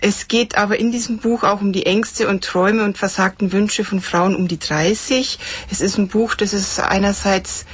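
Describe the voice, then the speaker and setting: A woman's voice: mid-range voice, steady tone, moderate pace, hardly any pauses, slightly rough, no room sound. A woman author in a studio, talking about her book with many fillers and then reading from it. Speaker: author and literary circle founder.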